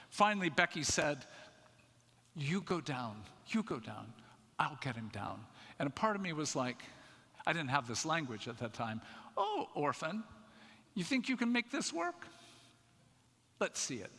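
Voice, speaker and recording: An older man giving a conference talk in a church, telling a family story in an animated, self-mocking way. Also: mid-range voice. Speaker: conference speaker. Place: church sanctuary. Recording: echoey church hall.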